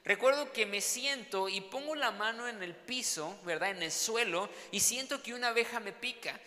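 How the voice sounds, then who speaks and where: A man with a Mexican accent preaching a sermon as pastor, telling a personal story in an animated, dramatic way and often tagging his sentences with questions. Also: high voice, normal speed, big-room sound. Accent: Mexican Spanish.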